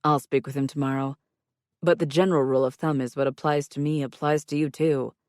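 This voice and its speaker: Woman reading a calm, steady young man. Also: sits low, a little fast, dry recording, clean studio sound, lightly acted. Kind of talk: audiobook character voice.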